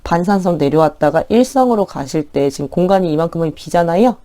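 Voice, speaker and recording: Low mellow woman teaching a lesson. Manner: friendly explaining, polite lecture tone; drawn-out model pronunciations. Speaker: Chinese language teacher. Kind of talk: online language lesson.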